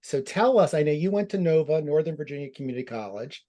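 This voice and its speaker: A man's voice: fairly high pitch, lively intonation, fast, warm tone. Male panel moderator prompting guests. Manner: friendly, prompting questions with restarts.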